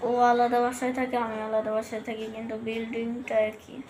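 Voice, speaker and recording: Young female vlogger, higher voice, flat delivery, rambling casual chat, faint noise behind. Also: quick pace. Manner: chatty, rambling, counts numbers aloud. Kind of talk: casual vlog chat to viewers.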